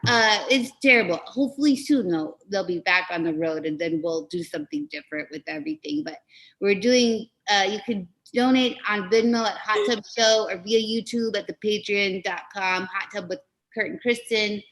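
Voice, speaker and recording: Rambling deadpan woman comic host. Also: medium pitch, normal speed, poor audio. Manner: rambling deadpan storytelling with fillers. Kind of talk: stand-up comedy bit then hosting.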